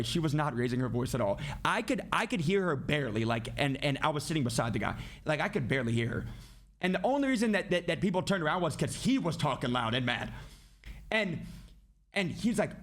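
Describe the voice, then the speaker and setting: A man telling a personal story in a casual, animated way, with lots of restarts and asides. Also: high voice.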